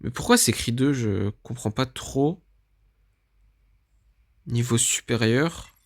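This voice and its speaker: A man's voice: mid-range voice, takes it slowly. A man giving casual let's-play commentary, thinking aloud as he reads through menus and often admits he is unsure what things mean. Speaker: gaming video creator.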